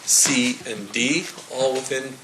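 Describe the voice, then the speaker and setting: A male prosecutor with a mid-range voice moves slowly through his questioning of a witness, methodical and full of "uh" and "um." The courtroom recording echoes and carries background noise.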